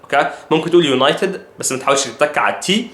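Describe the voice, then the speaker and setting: Egyptian male English teacher, higher voice, patient drilling of phrases, roomy echo. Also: lively intonation, fairly bright tone. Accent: Egyptian Arabic. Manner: slow careful repetition of English phrases. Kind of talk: language lesson.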